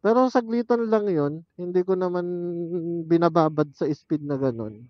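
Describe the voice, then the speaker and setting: Thinking out loud while riding through the mountains, a motorcycle vlogger keeps up a casual chat into his helmet intercom headset, used as an external mic. The pickup is muffled with no room sound, and his high voice moves at a moderate pace.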